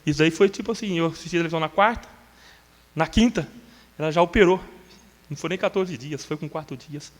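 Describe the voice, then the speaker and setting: A middle-aged church member gives a long, earnest, emotional testimony in an interview, breaking into tears and shouts when moved as he tells his story. His voice is on the high side and he talks fast, recorded in a large hall.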